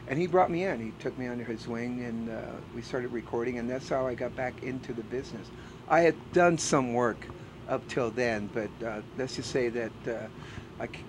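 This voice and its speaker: Middle-aged man over background noise. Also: mid-range voice. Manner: earnest and reflective, frequent "uh" hesitations. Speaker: bass player. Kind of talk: casual backstage interview. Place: backstage at a music festival.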